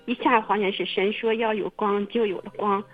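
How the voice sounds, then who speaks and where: A woman telling her own story in casual testimony, halting and repeating her words with many fillers. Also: mid-range voice, steady tone, faint music behind. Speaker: testimony guest. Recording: muffled phone-line radio recording.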